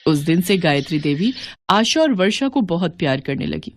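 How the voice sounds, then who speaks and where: A woman narrating a family story in a steady, even storytelling manner. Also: lowish voice, moderate pace.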